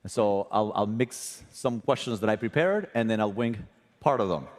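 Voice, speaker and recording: A man's voice: lowish voice, moderate pace. A man moderating an onstage interview at a large forum, friendly and chatty, switching languages with ease. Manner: warm, friendly and talkative, switching languages easily. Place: stage of a large forum hall.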